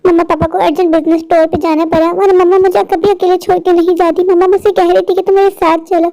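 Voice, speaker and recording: A woman's voice: very high voice, level tone, fast talker, mellow, no echo. A woman voicing a distressed student in a cartoon story, pleading and upset.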